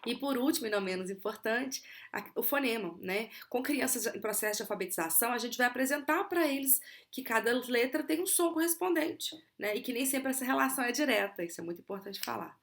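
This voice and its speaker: A Brazilian Portuguese woman explaining auditory attention exercises for children in a clear, teacherly way, slowing down to model words. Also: fairly high pitch, animated, fairly bright tone. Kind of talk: explanatory video lesson.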